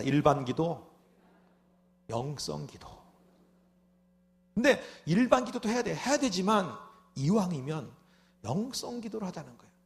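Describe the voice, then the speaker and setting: A man preaching a sermon as pastor at a revival meeting, animated, with rhetorical asides, who acts out prayers and builds into loud shouted prayer. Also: fairly high pitch.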